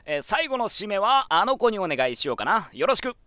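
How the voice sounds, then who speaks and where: Lively, bright, self-deprecating man. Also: high voice, fairly quick, no room sound, studio quality. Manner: self-deprecating, apologetic, chatty. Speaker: voice actor presenting his voice sample. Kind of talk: casual chat.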